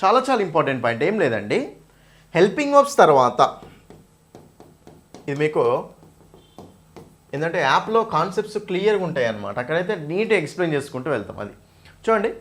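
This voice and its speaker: A man's voice: fairly high pitch, very animated, quick pace, pauses often, fairly bright tone. A man teaching English grammar for an exam in Telugu-accented speech, mixing in English terms and asking students questions that he answers himself. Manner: asks students questions and answers them himself, repeats key points. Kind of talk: exam-prep grammar lesson.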